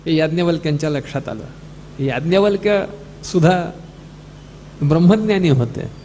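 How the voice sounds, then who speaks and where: A man with a Marathi accent gives a devotional discourse with a bright, high voice. He tells an old parable, acting out each character's lines in lively quoted dialogue. His words ring with the long echo of a large hall. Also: normal speed, slight background noise. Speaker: scripture discourse speaker.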